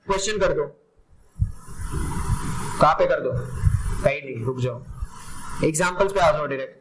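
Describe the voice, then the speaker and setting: Energetic, high-pitched male teacher, loud classroom lecture over noticeable noise. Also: normal speed. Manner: loud and energetic, often questions and praises students. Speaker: biology teacher. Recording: noisy classroom recording.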